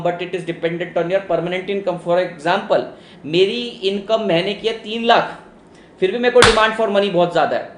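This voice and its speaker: A male economics teacher gives a casual, live online exam-prep lecture, mixing English terms into his explanations and calling students "beta." His voice is a little high for a man, and the roomy, echoey space carries faint ambience and slight background noise.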